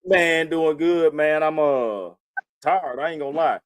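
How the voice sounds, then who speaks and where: There's no room sound as a podcast host talks at a measured pace in a fairly high voice. His style is loose, slang-heavy chat, regularly addressing the listener as "man" and tossing in "you know what I'm saying."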